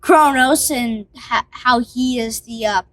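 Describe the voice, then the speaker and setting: A woman's voice: fairly high pitch, slow pace, fairly bright tone, dry recording. A woman co-hosting a casual music chat, hesitant with many fillers, heard from a distance from the mic. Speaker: co-host. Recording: voice from off-mic with faint hiss.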